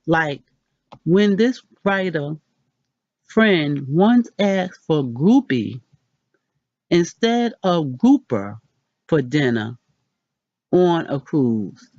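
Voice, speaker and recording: A woman hosting a casual pronunciation lesson, chatty and self-deprecating, repeating words slowly. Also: low voice, big pitch swings, a little mellow, dry recording, muffled recording. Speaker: channel host.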